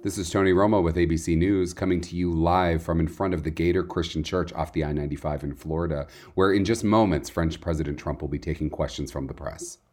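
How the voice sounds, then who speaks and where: A man playing a brisk, earnest television field reporter in a parody live news report. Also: sits low, steady tone, lightly acted. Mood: brisk, formal.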